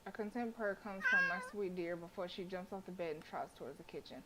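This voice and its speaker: A woman streamer reading a visual novel aloud as expressive live narration. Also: fairly low pitch, fast, heavy background noise.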